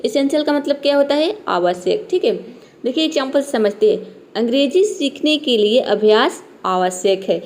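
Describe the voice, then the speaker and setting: Fairly high-voiced woman teaching words. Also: animated, a little mellow. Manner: spells words letter by letter, slows on English words; keeps repeating "theek hai". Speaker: English teacher. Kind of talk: spoken vocabulary lesson.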